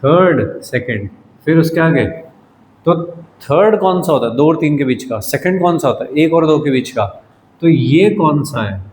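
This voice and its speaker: A man's voice: on the high side, animated, measured pace, a little mellow. A man teaching a physics class in casual Hindi, quizzing his students and teasing them now and then. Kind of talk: classroom lecture. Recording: echoey room with faint noise.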